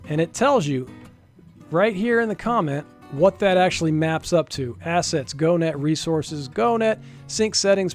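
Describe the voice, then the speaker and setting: A man with a fairly high, slightly mellow voice walks through a screen-recorded software demo as a game developer. His tutorial is informal and explanatory, and he thinks aloud as he works.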